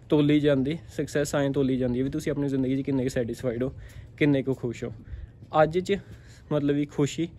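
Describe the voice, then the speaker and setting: A man's voice: fairly high pitch, warm tone, slight background noise. A man with a Punjabi accent, a dairy farmer giving a casual motivational talk to camera, repeating himself and checking in with "theek aa". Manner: repetitive, keeps asking "theek aa".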